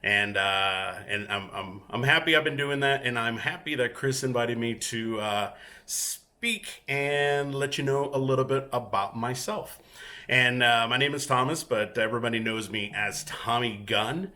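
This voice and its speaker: The speaker is a man from Mexico, Spanish being his native tongue, whose voice is bright and of medium pitch. As featured guest collector, he offers a casual introduction and tour of the collection room at his home, in a chatty, relaxed manner peppered with filler pauses.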